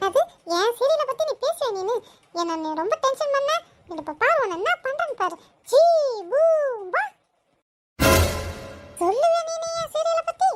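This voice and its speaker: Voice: extremely high pitch, sing-song, moderate pace, long pauses, music in the background, pitched above the performer's own voice. The same performer who voices the girl host also voicing her snappy, dramatic mother in a cartoon. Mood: cross.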